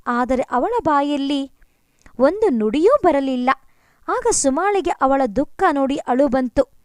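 Woman narrator, storybook reading, expressive, high voice, dry sound. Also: slow pace, no room sound.

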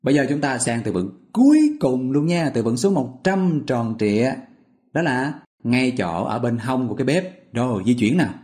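Male teacher, mid-pitched, patient and repetitive, walks learners through each word. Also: sing-song, normal speed, a little mellow. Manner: patient, repetitive, asks listeners questions. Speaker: English vocabulary teacher. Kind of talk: explaining memory tricks step by step.

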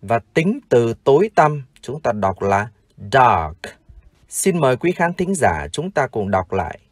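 A man with a Vietnamese accent teaching English vocabulary in a formal, slow lesson style, repeating each word for practice. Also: mid-range voice, big pitch swings, darkish tone, dry recording. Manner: formal, addresses "dear viewers", repeats words slowly for practice.

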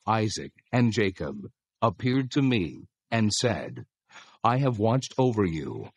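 A man's voice: fairly low pitch, no room sound. An actor playing God as a solemn, commanding male deity in a dramatized scripture reading.

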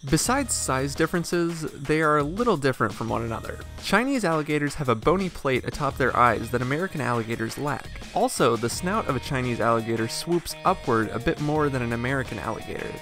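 Male narrator, mid pitch, cheerful educational voice-over with light music underneath. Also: expressive, fairly quick, few pauses, a bit bright.

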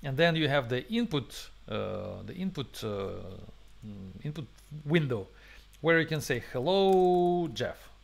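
A man's voice: mid-range voice, sing-song, unhurried, gravelly. A man hosting a programming webinar, thinking aloud through a live coding demo with many fillers, restarts and non-native phrasing. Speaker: webinar host and programming instructor.

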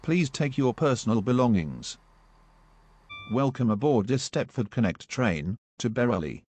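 A man giving formal, measured train announcements, his words spliced together from separate recordings. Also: mid-range voice, big pitch swings, darkish tone, slightly rough, no room sound. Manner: formal, measured, clipped phrases. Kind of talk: automated station announcements.

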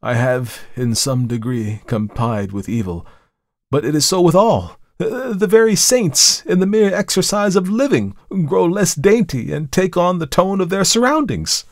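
A man's voice: high voice, expressive, a little slow, dry recording, clean studio sound, pitched above the performer's own voice. A man voicing a desperate male murderer who pleads his case in an impassioned, emphatic way, in a dramatic audiobook reading. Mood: defensive.

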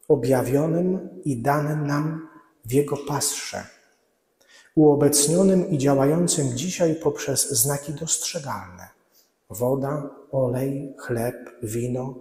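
Slow-preaching man in an echoing church. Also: mellow. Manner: slow, measured preaching with drops to a low voice at quotations. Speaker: priest. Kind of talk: Lenten sermon. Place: large church, at the altar lectern. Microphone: far camera. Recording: echoey church reverb.

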